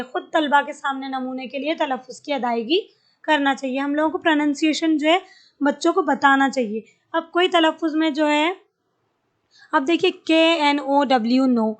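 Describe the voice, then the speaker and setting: In a high-sitting voice, a woman walks through an exam-prep lesson one step at a time. Key terms come up again and again, and she blends English words into her explanation.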